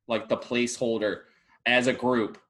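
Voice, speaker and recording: A man co-hosting a podcast, chatty and prone to laughing as he works through details out loud. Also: medium pitch, level tone, moderate pace. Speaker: podcast co-host. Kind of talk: casual sports chat.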